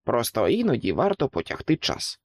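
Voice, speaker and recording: A man voicing a calm, brave toy pig in a storybook, speaking in a coaxing tone. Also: medium pitch, normal speed, no echo.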